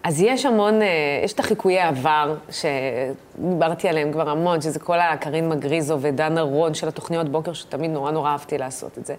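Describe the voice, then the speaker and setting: Guesting on a casual interview, this woman does impressions, acting out characters' voices as she tells animated stories. Her voice sits low, and she barely pauses.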